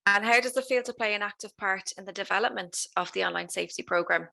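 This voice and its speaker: Bright, creaky-voiced Irish woman interviewer. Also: mid-range voice, fast. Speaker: interviewer, youth officer. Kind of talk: structured interview questions.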